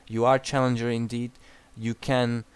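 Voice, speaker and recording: Walking a player through replay analysis, a young Croatian-accented man is blunt and profane, frequently starting over mid-thought. His mid-range voice is flat and clean at a normal pace, with no echo.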